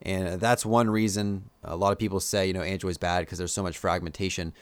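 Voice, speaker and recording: A YouTuber with a Pennsylvania Dutch accent gives casual live-stream commentary in a low-pitched voice, a little fast, rambling loosely with many "um"s and "like"s. He voices strong opinions in a relaxed, off-the-cuff manner. The audio is close and dry with no room sound.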